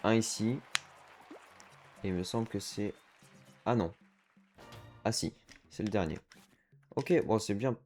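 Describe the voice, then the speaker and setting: A man talks through his game in a loose, chatty streamer commentary, his voice sitting a little low. He reacts aloud to each moment and slips in English slang. Game music plays faintly behind him along with keyboard clicks. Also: measured pace, long pauses, a little mellow. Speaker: gaming streamer. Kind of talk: casual let's-play commentary.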